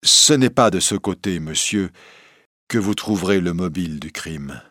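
A man's voice: sits low, animated, normal speed, fairly bright tone, dry recording, voice pushed down. Grieving elderly professor, subdued and sighing, read by a man, dry close sound. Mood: grave. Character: grieving elderly male professor, weary and proud. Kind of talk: audiobook character reading.

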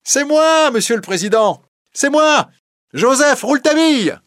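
A man voicing a bold, cheeky young male reporter who speaks up loudly and insistently in court. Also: extremely high pitch, animated, a little slow, no room sound, clean studio sound, pitched above the performer's own voice, full character voice. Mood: defiant. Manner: brash, insistent, loud.

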